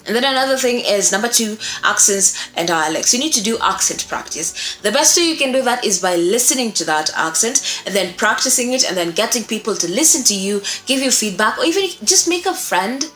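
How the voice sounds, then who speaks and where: With a mid-range, slightly bright voice, a young adult woman delivers instructions to camera, stressing her points and repeatedly checking in with her audience. She's sitting in a small indoor room. The recording has room echo and faint music.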